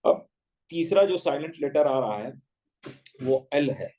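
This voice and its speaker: A man leads an online grammar class in a slow, unhurried delivery with a dark, mellow tone. He spells each word out letter by letter, then patiently sets the wrong pronunciation against the right one. His voice comes through an online class call. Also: fairly high pitch, lively intonation, poor audio. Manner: spells words letter by letter and contrasts pronunciations deliberately. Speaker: English teacher.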